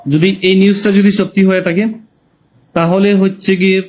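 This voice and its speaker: A man's voice: high-pitched, flat delivery, moderate pace, darkish tone. A man with a Sylheti Bengali accent chatting casually on a live stream, reading viewers' comments and greeting them by name.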